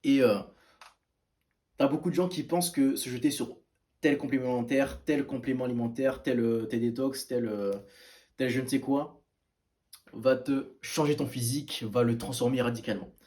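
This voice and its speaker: A fitness video maker gives casual, blunt advice straight to the viewer, his informal speech full of hesitations and restarts. His voice is medium-pitched and a little mellow, with fairly even intonation and a moderate pace.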